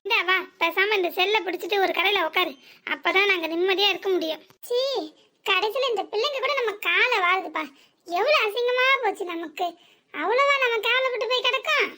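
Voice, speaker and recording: Shrill scolding village mother-in-law. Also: bright, forceful tone. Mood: bitter. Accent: southern Tamil, Tirunelveli area. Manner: scolding, sarcastic, rapid-fire insults. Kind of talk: village cartoon comedy dubbing.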